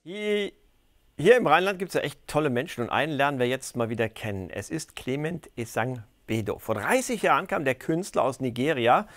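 A man's voice: mid-range voice, sing-song, normal speed, no echo, faint music behind. Tv host guy doing the links, upbeat and chatty, dry studio sound. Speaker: TV presenter. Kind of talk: studio moderation.

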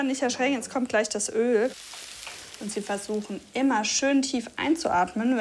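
A woman's voice: on the high side, slight background noise. A woman nurse guiding a patient through breathing with soothing instructions.

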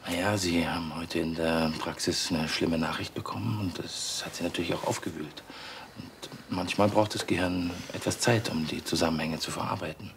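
A reassuring male doctor in a television medical drama. His low, gravelly voice is soothing and firm as he explains things, over faint background noise. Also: steady tone, moderate pace. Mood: calm, reassuring.

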